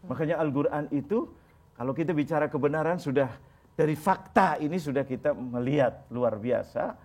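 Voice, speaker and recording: A man preaching a sermon to a live congregation, animated, often calling out questions to them and telling stories. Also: a little high, normal speed, breathy edge. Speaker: Islamic preacher. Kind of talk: sermon with storytelling. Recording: dull lo-fi TV broadcast audio.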